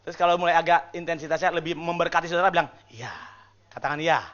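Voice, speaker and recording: A man preaching a sermon to his church in a casual, lively way, acting out the congregation's responses and joking with them. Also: on the high side, very fast, muffled recording. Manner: lively, acts out congregation responses and mimics whispered prayers. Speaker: pastor. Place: church service.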